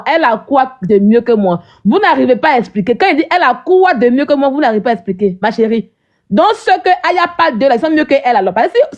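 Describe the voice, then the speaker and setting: Combative high-voiced woman ranting on a live stream. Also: highs cut off. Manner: combative, mocking, keeps asking "hein?". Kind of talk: heated live stream rant at viewers.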